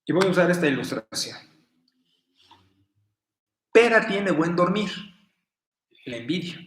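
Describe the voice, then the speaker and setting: A middle-aged man with a Mexican accent preaching a sermon in a folksy, storytelling way, with sudden bursts of loud emphasis. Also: high-pitched, animated, unhurried. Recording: roomy echo.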